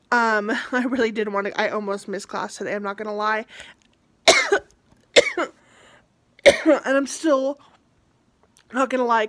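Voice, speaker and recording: A woman's voice: medium pitch, fairly bright tone. A young adult woman, a college theatre student, chatting casually in a vlog, rambling and correcting herself with lots of fillers.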